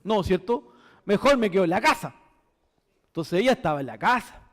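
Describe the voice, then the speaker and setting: A man's voice: high-pitched, big pitch swings, moderate pace. A man with a Chilean Spanish accent preaching a sermon as pastor, asking the congregation questions and repeating words for emphasis. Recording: echoey church hall.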